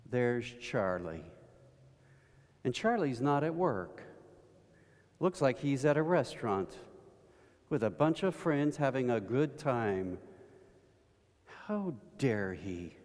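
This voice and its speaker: A man preaching a sermon, telling everyday stories at an unhurried pace and building to emphatic bursts. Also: medium pitch, a little mellow. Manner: slow, storytelling delivery with rising emphatic bursts. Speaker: pastor. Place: church sanctuary. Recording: long reverb of a church hall.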